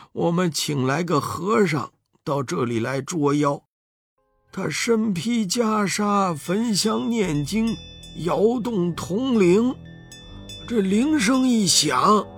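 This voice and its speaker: A man's voice: fairly high pitch, husky, dry recording, exaggerated voice. A man voicing a timid but proud old village elder who sighs and drags out his exclamations. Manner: sighing, drawn-out exclamations. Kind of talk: children's storybook narration.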